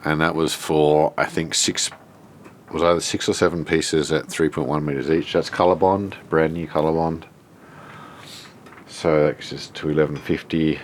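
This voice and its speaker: Deep, stuffed-up Australian man. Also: flat delivery, moderate pace, a little hiss or hum. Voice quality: stuffed-up, nasal from a blocked nose. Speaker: vlogger showing a self-built shed. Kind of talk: casual unscripted walk-through to camera.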